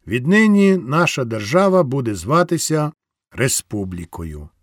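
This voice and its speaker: A man voicing a village priest who slowly and solemnly proclaims news from the pulpit. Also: medium pitch, very animated, no room sound. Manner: slow, solemn. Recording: dry close studio sound.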